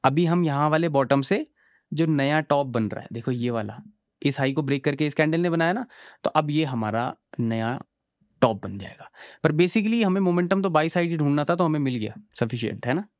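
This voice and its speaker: A man's voice: a little high, animated, normal speed, no room sound, studio quality. A man teaching chart in a casual, chatty way, often checking that the viewer follows and telling them not to worry. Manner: chatty, reassuring, asks the viewer "samjhe?". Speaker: trading teacher. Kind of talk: casual screen-share chart tutorial.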